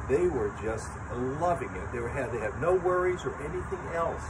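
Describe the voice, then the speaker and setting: An older man with grandchildren leading a lively children's sermon outdoors, talking straight to the kids as he tells a story. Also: medium pitch, normal speed. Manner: animated storytelling, talks to children. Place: outdoor covered chapel area. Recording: distant mic with traffic noise outdoors.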